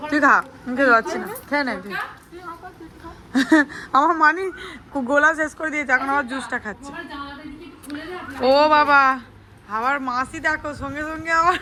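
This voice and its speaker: A woman's voice: sits high, normal speed, pushed and bright. A young woman and mother chatting casually to her viewers, laughing often as she shows her family. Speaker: vlogger and mother. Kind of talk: casual vlog narration to viewers. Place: home and a relative's house, indoors.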